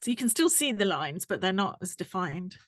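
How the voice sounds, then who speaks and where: A woman, explaining a drawing tutorial step by step while she works, her voice going hoarse. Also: mid-range voice, big pitch swings, a little fast, dry recording, studio quality. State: losing her voice. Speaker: art tutor.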